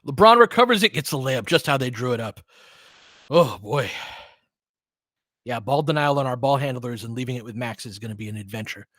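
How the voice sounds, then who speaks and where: Talking fairly quickly but with long pauses, a medium-pitched man narrates a basketball game casually as a fan analyst. He swings between muttered remarks and excited calls in clipped phrases. The studio recording is clean and echo-free.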